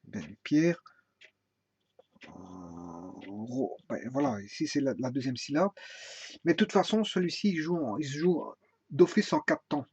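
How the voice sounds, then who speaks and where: A man giving an informal music theory lesson, hesitant, with many fillers and restarts, now and then singing a phrase slowly. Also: medium pitch, animated, a little mellow, breathy edge, dry recording. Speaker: music teacher. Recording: dry, dull lo-fi sound.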